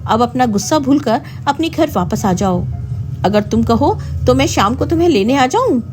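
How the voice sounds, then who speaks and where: Earnest pleading young husband as a woman reads him, high animated voice, storybook. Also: normal speed, faint music behind.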